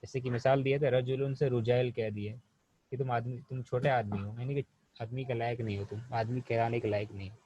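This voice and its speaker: A man's voice: mid-range voice, steady tone, mellow, breathy edge, no room sound, lo-fi sound. A man from India teaching Arabic grammar, patiently asking questions and answering them himself, with English words mixed in. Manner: patient, repeats questions and answers them, often says "theek hai". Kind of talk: online class explanation.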